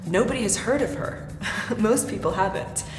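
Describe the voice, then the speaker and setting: A woman's voice: mid-range voice, expressive, normal speed. A woman talking thoughtfully in an interview. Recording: echoey hall with music behind.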